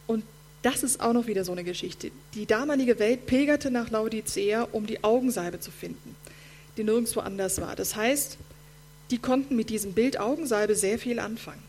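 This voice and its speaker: Woman preacher, sermon, direct and lively, fairly high voice, faint hum behind. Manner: lively, direct, addresses listeners as friends.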